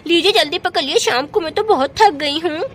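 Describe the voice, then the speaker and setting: A woman's voice: very high-pitched, fairly quick, slight background noise. A woman voicing a cheeky young village girl who complains playfully.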